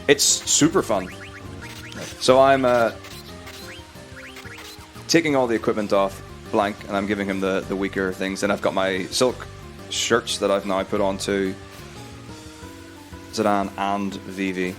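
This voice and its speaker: A man's voice: lowish voice, steady tone, a little slow, long pauses, soft background music. Chatty Northern Irish man. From Northern Ireland. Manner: chatty, rambling explanations with restarts. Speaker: speedrunner. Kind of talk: live speedrun commentary.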